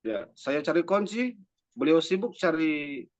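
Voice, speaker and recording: A man's voice: on the high side, lively intonation, measured pace, no echo. A man, a religious teacher, introducing people to a gathering in a chatty, joking way. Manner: chatty and joking, often adds "ya" and "teman-teman". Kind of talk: casual speech to a gathering.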